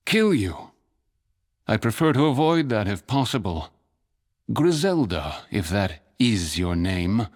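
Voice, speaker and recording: A man voicing a courteous, wry masked spymaster with a calm, polite, dryly amused manner. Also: on the low side, slow, exaggerated voice.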